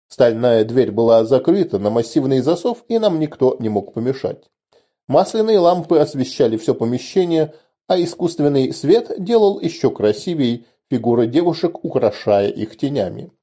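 A man narrating a first-person fantasy audiobook in an even, measured way. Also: mid-range voice. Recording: dull lo-fi recording.

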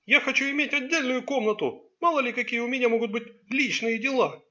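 A man's voice: high voice, animated, a little fast, sharp tone, muffled recording, pitched above the performer's own voice. A man doing a sullen, defiant teenage son. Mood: resentful. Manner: raised, resentful outbursts.

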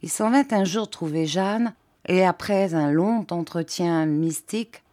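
A woman narrating a classic novel as an audiobook, with measured, expressive reading. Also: fairly low pitch.

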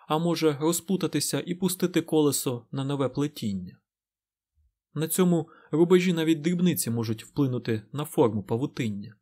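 A man voicing a calm, stern woman sorceress who speaks in a measured way. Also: a little high.

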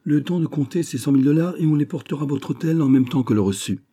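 A man voicing an effusive, flattering middle-aged male bank sub-director in an audiobook reading. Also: on the high side, quick pace, husky, voice pushed up. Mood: obliging. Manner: gushing, emphatic, flattering.

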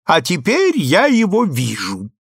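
A man's voice: big pitch swings, a little slow, gravelly, no echo, studio quality, exaggerated voice. A man reading aloud and voicing a gushing, theatrical society lady with breathless, exalted speech. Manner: breathless, exalted, swooping high.

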